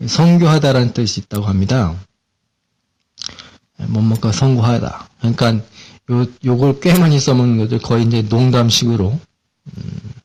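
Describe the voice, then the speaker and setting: A medium-pitched man with a Korean accent talks through English vocabulary in an easygoing, casual way, using many fillers and repeating words.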